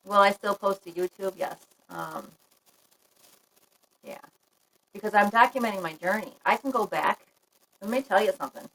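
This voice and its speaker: A woman's voice: medium pitch, moderate pace, pauses often, fairly bright tone, husky, rough recording. A woman live-streaming a casual chat to her viewers, talking frankly and laughing often. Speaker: livestream vlogger.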